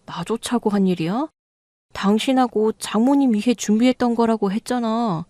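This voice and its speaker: An earnest, clueless husband defends himself and pleads, voiced by a woman storyteller. The read is close and dry, slightly lowered. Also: normal speed, warm tone, no echo, close to an everyday voice. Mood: defensive. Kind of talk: storytelling radio reading.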